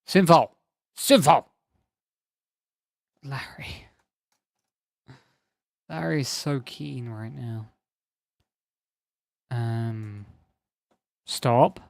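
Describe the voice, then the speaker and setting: A man's voice: medium pitch, very slow, creaky, long pauses, no room sound. A man streaming a game, chatting casually and rambling to his viewers, his voice a little strained as if he is losing it. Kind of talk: casual live-stream chat while gaming.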